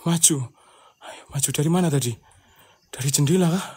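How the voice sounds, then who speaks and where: A young man hosting a live ghost-hunting stream, calling out to spirits in an abandoned building, murmuring low and then suddenly loud and startled. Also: fairly quick, husky. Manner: calls out to spirits, swings between hushed murmurs and startled loud outbursts. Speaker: ghost-hunting livestream host. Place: abandoned building at night, crickets outside.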